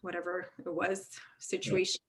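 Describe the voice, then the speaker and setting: A woman from Romania, a tech CEO speaking as an interview guest, talking candidly in a fast-flowing way with frequent restarts. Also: on the low side, flat delivery. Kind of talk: casual interview conversation.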